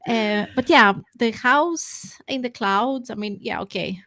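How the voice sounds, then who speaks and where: A woman's voice: on the high side, takes it slowly, pushed and bright. Tired woman talking books, kinda apologetic, lots of uh and like. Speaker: book club member. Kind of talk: casual book club chat.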